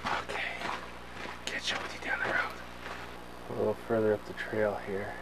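A man's voice: fairly low pitch, wildly swooping pitch, normal speed. A man filming himself on a forest trail, narrating with playful mock-dramatic asides on a handheld camcorder. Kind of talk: jokey handheld hiking commentary. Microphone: handheld camcorder mic. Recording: noisy outdoor camcorder audio.

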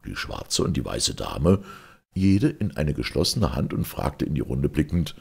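Man, deep voice, gravelly, audiobook narration, first-person story. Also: big pitch swings, unhurried. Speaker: reader of his own story.

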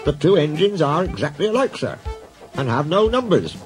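A man's voice: on the high side, very animated, moderate pace, faint music behind, voice pushed up. A man voicing a dutiful, polite male railway inspector who speaks deferentially.

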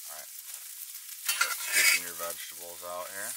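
Low-voiced young man in a noisy tent. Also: normal speed. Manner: excited, worn-out outdoorsman talking to camera. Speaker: fishing vlogger. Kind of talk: casual vlog narration. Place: inside a tipi hot tent in a forest. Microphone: handheld camera. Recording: noisy outdoor camera audio with sizzling pan.

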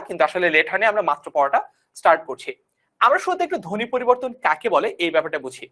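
A woman's voice: medium pitch, a bit bright. A young woman teaching an online class, repeating key points and often checking that students follow. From Bangladesh.

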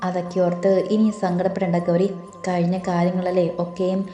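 A woman voicing a gruff but caring young husband in a romantic audiobook, low, teasing and offhand. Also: monotone, brisk, mellow, lightly acted. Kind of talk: audiobook dialogue reading. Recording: roomy with faint music.

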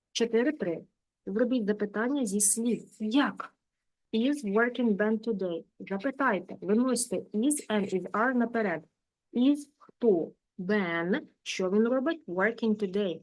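A woman teaching a casual English grammar lesson, reading example sentences slowly and explaining them. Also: mid-range voice, low-quality recording.

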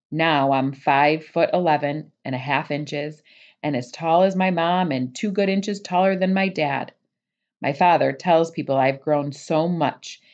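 Low-voiced woman reading a novel aloud. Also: darkish tone, highs cut off.

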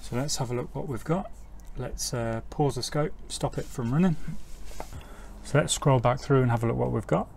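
On an outdoor driveway with clear ambient noise, a middle-aged man who works as a mechanic explains a technical job step by step in an informal way. He speaks at normal speed with a medium-pitched, darkish voice.

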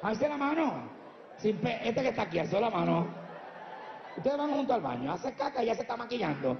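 A Puerto Rican man works a live crowd with brash, profane stand-up, his voice high and swooping. Gravelly edges roughen his delivery. The dull lo-fi tape carries a long hall echo and steady audience noise. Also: fairly quick. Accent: Puerto Rican Spanish. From Puerto Rico. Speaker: stand-up comedian. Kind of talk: stand-up comedy. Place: live stage before an audience.

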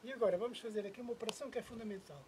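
A man's voice: sits high, very fast, loud music behind the voice. A middle-aged man with a European Portuguese accent, the host of a kayak fishing channel, patiently explaining a DIY setup step by step outdoors on a lakeshore, with the odd hesitation. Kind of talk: DIY how-to narration.

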